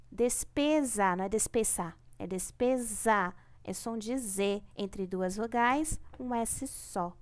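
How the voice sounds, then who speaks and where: With a fairly high-pitched voice and a Brazilian Portuguese accent, this woman teaches a primary class online. She's patient and repeats herself, stretching key words and often checking that students are following.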